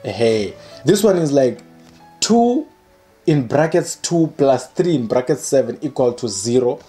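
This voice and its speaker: A young man in his twenties hosting his own channel, reading comments aloud and joking about them in a playful, animated way, recorded indoors by a window. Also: medium pitch, a little slow, soft background music. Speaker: channel host. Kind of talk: casual comedic commentary. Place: indoor room by a curtained window.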